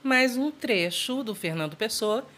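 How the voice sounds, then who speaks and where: Female teacher, slow delivery, lively pitch, patient explaining tone. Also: a little hiss or hum. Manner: patient, explanatory, addresses students directly. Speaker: literature teacher. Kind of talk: recorded lesson.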